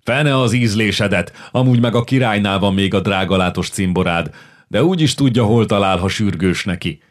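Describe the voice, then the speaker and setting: A man's voice: on the low side, natural voice. A man voicing a loyal retainer who teases with mock indignation in an audiobook. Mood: indignant. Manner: indignant, teasing.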